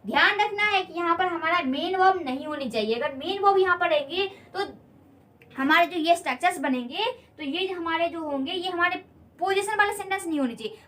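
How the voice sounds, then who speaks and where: A woman's voice: very high-pitched, lively intonation, brisk, sharp tone. A woman teaching a spoken English lesson at a board, patiently repeating key points and asking learners questions.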